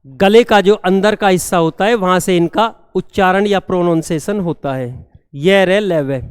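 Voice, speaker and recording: A man teaching a classroom grammar lesson, repeating each term slowly and checking that students have understood. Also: high voice, smooth. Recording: long hall reverb.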